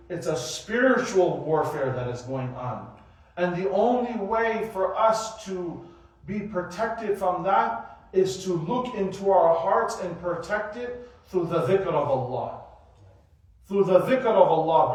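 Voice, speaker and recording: A man in his forties giving an animated sermon-style lecture in a mosque, full of rhetorical questions. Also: sits high. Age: 40s. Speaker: mosque teacher giving a weekly study circle. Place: mosque prayer hall. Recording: very echoey hall, voice from far off.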